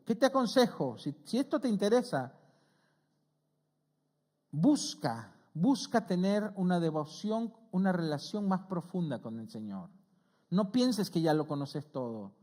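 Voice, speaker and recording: A middle-aged man, a pastor preaching a conversational sermon who often checks in with his listeners and rises in pitch and volume when he quotes scripture. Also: sing-song, measured pace, darkish tone. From Argentina. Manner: earnest, conversational preaching with frequent "¿sí?" check-ins.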